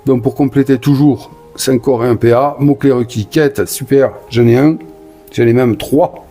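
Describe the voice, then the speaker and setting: A man with a warm, mellow voice talks his way through a solo board game, move by move. His manner is chatty and enthusiastic. He sometimes trips over his words and apologizes for rambling. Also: medium pitch, steady tone, normal speed, faint music behind. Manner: stumbles and corrects himself, apologizes for rambling. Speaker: board game player narrating a solo playthrough. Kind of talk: casual solo game commentary.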